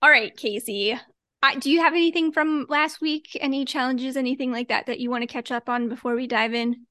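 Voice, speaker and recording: A woman's voice: sits high, brisk, sharp tone, no echo. A woman co-hosting a podcast in casual chat, leading the conversation with a chatty, laughing manner. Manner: chatty, leads the topic with frequent laughs. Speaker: podcast co-host.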